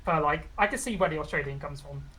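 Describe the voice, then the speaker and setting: A young British man with a regional, non-London accent appears as a VTuber guest in a casual interview chat. His voice is fairly high, bright and forceful, and he talks fast, rambling with plenty of fillers.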